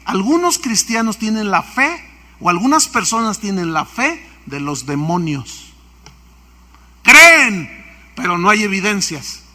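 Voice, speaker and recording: Pastor preaching, slow and drawn out, really bright tone, asks the crowd a lot. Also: male voice, high-pitched. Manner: storytelling, asking the audience questions. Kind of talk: sermon.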